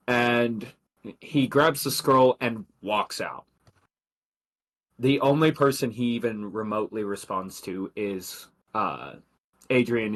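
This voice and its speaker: Laid-back guy running a tabletop game, slow, lots of ums and kindas. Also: on the low side. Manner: relaxed, many fillers and hedges. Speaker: game master. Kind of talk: narrating a tabletop game on a live stream.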